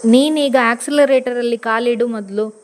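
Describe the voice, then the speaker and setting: A woman's voice: fairly high pitch, fairly even intonation, moderate pace, darkish tone, lightly acted. A woman voicing an impatient husband who gives stern, bossy driving lessons and raises his voice.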